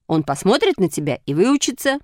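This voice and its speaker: Woman voicing an excitable schoolboy. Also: mid-range voice, fairly quick, no echo, clean studio sound, lightly acted. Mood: eager. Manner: raised, excited boyish voice. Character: eager schoolboy, excitable and bossy, boy.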